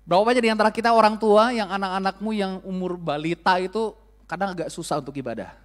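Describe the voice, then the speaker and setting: A man's voice: high-pitched, quick pace. A pastor in his thirties preaches in an easygoing, chatty way. He jokes with the congregation and acts out the scoldings he quotes. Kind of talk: sermon.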